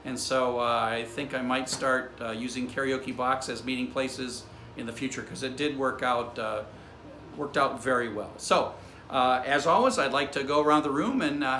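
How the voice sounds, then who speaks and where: A man's voice: mid-range voice, pushed and bright, a little hiss or hum. A man in his sixties, an online course instructor, chatting casually to a phone held at arm's length in a small karaoke room. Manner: chatty, upbeat, frequent uh fillers. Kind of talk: casual video update. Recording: echoey room with music behind.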